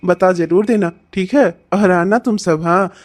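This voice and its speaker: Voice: medium pitch, a little slow, dry recording, close to an everyday voice. A performer voicing a chatty elderly village uncle in a cartoon, cheerful and proud of his daughter, chuckling and repeating praise. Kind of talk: cartoon voice acting.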